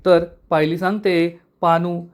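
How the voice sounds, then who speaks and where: A man retelling a television serial episode quickly. He briefly puts on the characters' lines as he goes. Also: sits high, fairly even intonation, clean tone. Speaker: episode recap narrator.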